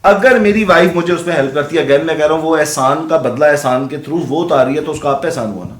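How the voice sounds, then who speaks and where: A middle-aged man speaking as a podcast guest, earnest and lecturing, slipping English words into his talk. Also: fairly high pitch. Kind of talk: casual chat. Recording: roomy studio echo.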